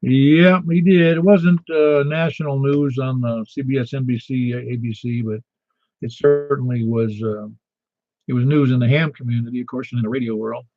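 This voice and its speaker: A man's voice: medium pitch, steady tone, moderate pace, faint music behind. A man hosting a ham radio net in a chatty, informal, casual style. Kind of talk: casual net control chat. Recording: slightly dull, dry lo-fi audio.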